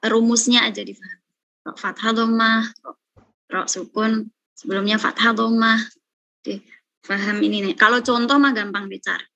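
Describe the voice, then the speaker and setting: A woman teaches recitation rules at a slow, patient pace, drawing out each example word and repeating it so learners can copy. Her voice is bright and fairly high. She keeps coming back to the same points to drill them in. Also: rough recording. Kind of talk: online lesson.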